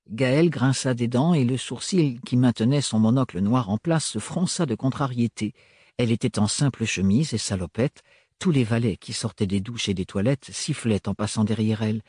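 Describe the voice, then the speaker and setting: A male audiobook narrator reads in a measured, literary way. His voice is husky at an ordinary middle pitch, recorded dry and close with no room sound. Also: mellow, no room sound. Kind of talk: scripted narration.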